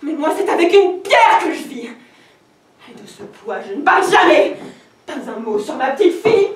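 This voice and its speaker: A woman's voice: high voice, big pitch swings, normal speed, crowd noise. A woman acting an anguished exiled poet and fierce mother in a stage play, intense and given to furious outbursts. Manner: intense, swings from pleading to furious shouting. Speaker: actress. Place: theater stage. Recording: echoey hall, miked from far off.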